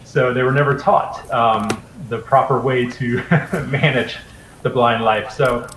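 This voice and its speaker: A medium-pitched man in his forties from Raleigh, North Carolina, a video creator, is an interview guest telling stories in a steady, measured, slightly bright voice. The poor audio sounds roomy with slight background noise, and he's an easygoing storyteller who uses lots of fillers.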